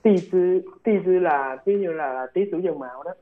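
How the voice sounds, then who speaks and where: A man's voice: on the high side, moderate pace. A man explaining things in a casual chat, hesitant and repeating words. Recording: phone-like radio line.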